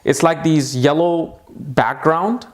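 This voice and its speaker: A man explaining a lesson with eager emphasis, his voice sitting a little on the high side. He repeats key points to drive them home. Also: slow. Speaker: astrology teacher.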